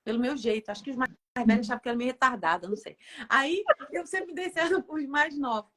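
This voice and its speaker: Woman, high voice, animated, laughs often, casual spiritual storytelling, interview guest. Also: quick pace.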